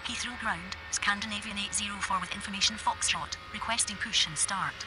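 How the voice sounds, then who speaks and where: A composed female airline pilot on the radio, played by a woman, reading back runway clearances in steady procedure. Clear music runs underneath her voice. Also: mid-range voice, fairly quick, close to an everyday voice, rough recording. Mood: procedural. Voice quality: even radio-procedure delivery.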